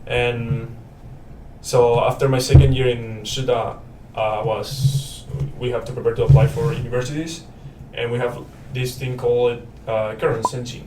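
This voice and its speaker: A man's voice: mid-range voice, steady tone, normal speed, darkish tone, recorded from a distance. A young man from Paraguay, a native Spanish speaker, talks as a student guest in a loose, friendly way, full of fillers and restarts. He sits back from the microphone in a roomy space with faint noise behind. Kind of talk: casual interview chat.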